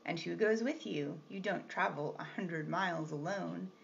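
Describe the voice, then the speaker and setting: A woman reading the part of a brusque, teasing gentleman employer with a gruff, commanding manner. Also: high voice, normal speed. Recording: slightly muffled with faint hiss.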